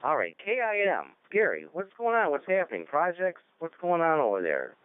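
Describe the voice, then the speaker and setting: A man's voice: fairly high pitch, huge pitch swings, moderate pace, smooth, no echo. A man hosting a ham radio net in a chatty, rambling way, heard over a radio link. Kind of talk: casual on-air net chat. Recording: narrow radio-link sound, dry.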